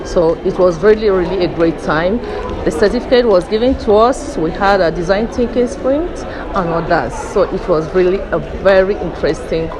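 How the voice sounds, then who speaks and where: A woman's voice: fairly low pitch, normal speed. A woman from Nigeria, speaking enthusiastically about a summit she attended. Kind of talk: conference testimonial. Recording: outdoor ambient noise.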